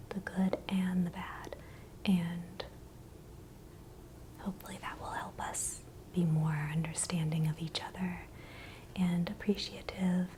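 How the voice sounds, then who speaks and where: A woman giving a gentle, encouraging, unscripted ASMR pep talk in a breathy, unvoiced whisper. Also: lowish voice, low-quality recording. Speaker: ASMR channel host. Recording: clear background noise, ambient hiss.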